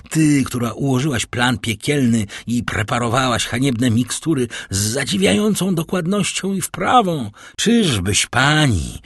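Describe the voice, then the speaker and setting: A man reading an audiobook, voicing a cold, stern prosecutor who accuses his wife in a slow, cutting manner. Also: lowish voice, breathy edge, dry recording, full character voice. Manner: icy, cutting, slow and menacing. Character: cold stern male prosecutor, middle-aged husband. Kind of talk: audiobook character voice.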